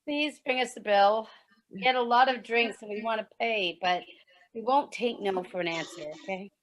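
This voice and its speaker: A woman's voice: fairly high pitch, normal speed, lightly acted. An actress playing a carefree young woman with a breezy, offhand manner in an amateur stage play.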